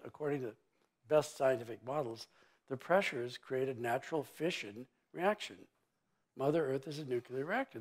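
An older man being interviewed on a conference stage, talking in an emphatic, blunt and sweeping way with vivid turns of phrase, on a lapel mic. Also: fairly high pitch. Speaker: mining executive interviewee. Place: conference stage before an audience.

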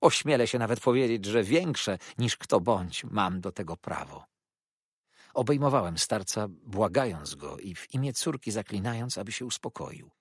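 A man narrating a classic novel as an audiobook in a dramatic, animated reading, close to the mic. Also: fairly low pitch, normal speed, slightly rough, no echo.

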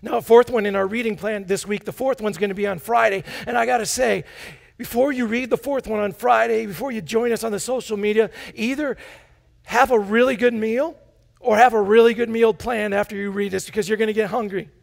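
Gravelly high-voiced pastor preaching. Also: male voice, brisk. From United States. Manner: animated, playful, drawing the congregation in; walks about the stage as he preaches. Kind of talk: sermon. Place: large church sanctuary, indoors.

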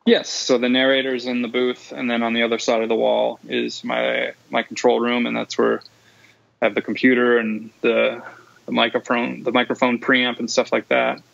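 Man, studio owner and co-host, heavily gravelly, flat monotone, matter-of-fact explaining, dull muffled recording. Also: mid-range voice, normal speed, no echo. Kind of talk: casual podcast interview.

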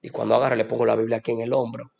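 A man's voice: medium pitch, little pitch movement, very fast, creaky, dark tone, dull audio. A young man telling a fervent religious testimony in a preachy way. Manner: preachy, fervent, addresses listener as "amado". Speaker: guest giving a testimony.

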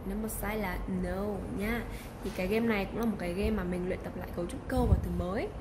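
A woman's voice: mid-range voice, fast, noisy background. A woman, teaching English patiently, repeating model phrases and checking in often. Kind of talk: teaching a recorded lesson.

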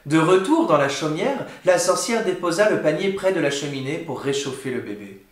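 A man reads a children's picture book aloud in a fairly high voice, giving the story an expressive, dramatic lift. He reads like a storyteller for young children. His voice carries a roomy echo. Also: moderate pace.

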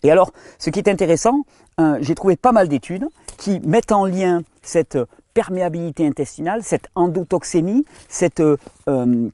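Man, French speaker, casual explainer, restarts a lot, mellow tone, dry sound. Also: on the high side, dry recording. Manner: talks to viewer as "tu", hesitant restarts, reads study titles in halting English. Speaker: health channel host. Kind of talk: explanatory monologue.

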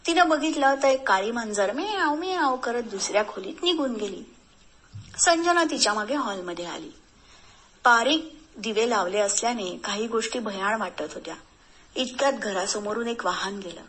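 A woman storyteller reading a thrilling story aloud in a measured, suspenseful way. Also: a little high, expressive, a bit bright, a little hiss or hum.

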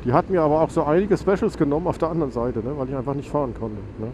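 A man's voice: a little high, very fast. Stuffy-nosed man on a motorbike. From Germany. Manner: rambling, self-correcting, lots of fillers. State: stuffy, nasal from a cold. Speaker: motovlogger. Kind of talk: casual chat while riding. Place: outdoors on a motorcycle on a country road. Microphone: helmet mic on a motorcycle. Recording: noisy motorcycle wind and engine.

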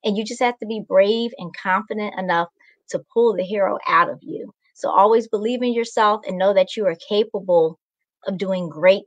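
Reading a storybook from a small indoor room at home, this young children's author speaks encouragingly and directly to the kids. Her pitch is medium. The video call microphone produces a rough recording with no echo.

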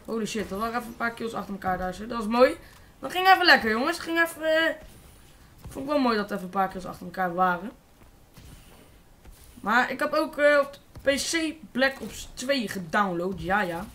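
A Dutch teenage boy giving casual, excitable live commentary on a shooter game and swearing freely. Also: extremely high pitch, brisk. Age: teens. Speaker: gaming YouTuber.

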